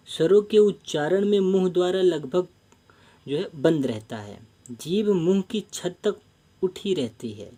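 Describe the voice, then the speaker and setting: A man teaching a Hindi grammar lesson for exam preparation, explaining each term slowly, repeating himself and often calling the viewers friends. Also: on the high side, dark tone, slightly rough.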